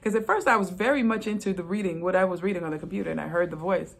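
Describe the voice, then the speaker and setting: A middle-aged woman speaks with a low, husky, gravelly voice. She is a retired police officer sharing her stories in a relaxed, conversational monologue. She often repeats a phrase to drive it home. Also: rapid-fire. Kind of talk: casual storytelling monologue.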